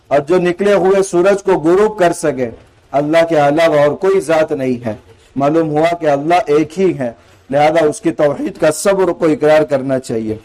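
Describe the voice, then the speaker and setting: A fairly high-voiced man teaches a Quran commentary lesson in an earnest, explanatory way. He recites scripture lines between his explanations and leans on rhetorical questions to press each point home. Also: a little mellow, poor audio. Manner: earnest explaining, weaving in recited Arabic verses.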